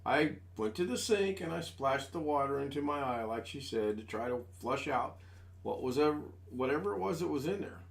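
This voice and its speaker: A man in his sixties from the United States hosts a casual live stream from home, speaking into a desk USB microphone. His mid-range voice is creaky and expressive, moving at a normal speed. He chats in a rambling, folksy, self-deprecating way.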